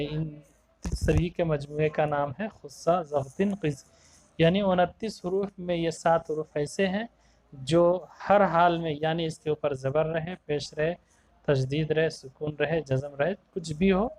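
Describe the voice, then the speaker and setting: A man's voice: fairly high pitch, fairly even intonation, a little mellow, low-quality recording. Man teaching Quran recitation to children. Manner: explains each term, then repeats it slowly; sounds out single Arabic letters. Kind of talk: tajweed lesson for children.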